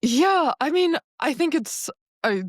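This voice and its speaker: A woman's voice: sits high, expressive, slow, no room sound, clean studio sound. A woman poet from New York, a guest in an interview, speaking thoughtfully and searching for her words. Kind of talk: interview conversation.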